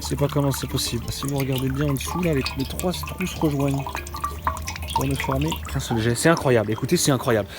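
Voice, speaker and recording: A man's voice: medium pitch, fast talker, heavy background noise. A man hosting his own casual vlog, joking and chatting in a playful, slangy way. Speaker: vlogger. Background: background music.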